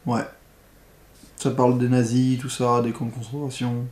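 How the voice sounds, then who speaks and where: A man's voice: medium pitch, level tone, normal speed, darkish tone, echoey room, a little hiss or hum. A man giving casual commentary on a box of films, blunt and slangy, full of rambling asides. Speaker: film critic vlogger.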